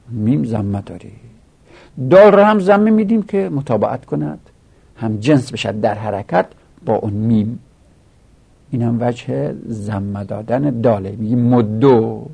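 A man's voice: medium pitch, vocal fry, mellow, slightly rough. A man teaching an Arabic grammar lesson, explaining step by step and repeating each rule.

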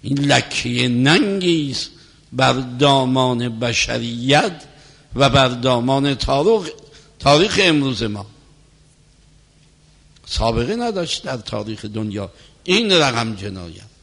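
A man giving a religious lecture on law as a cleric, explaining points in a measured, teacherly way. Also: medium pitch, expressive, creaky. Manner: measured, explanatory lecturing, recites scripture softly. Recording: long hall reverb.

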